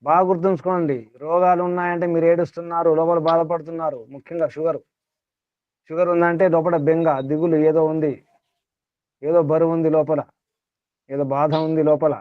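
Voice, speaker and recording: A man's voice: on the high side, little pitch movement, fairly quick, clear, resonant tone, no echo. A man teaching a small group in a spiritual talk, repeating his points and asking rhetorical questions. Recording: tinny phone-like dry sound.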